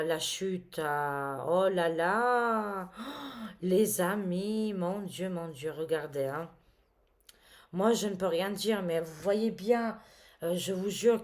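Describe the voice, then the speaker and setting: A woman's voice: on the low side, a little mellow. A woman reading tarot cards to her viewers, talking casually and dramatically with many exclamations and fillers. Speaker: tarot reader.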